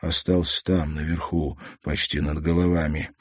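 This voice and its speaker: A man narrating a story in a calm, measured way. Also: rumbling low, no echo. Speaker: audiobook narrator.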